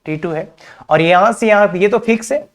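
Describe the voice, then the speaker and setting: A man's voice: sits high, moderate pace. A male maths teacher giving a classroom lecture. He talks in a chatty way, slips English terms into his speech and keeps calling his students kids. He throws out rhetorical questions as he works through each step. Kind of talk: classroom lecture on coordinate geometry.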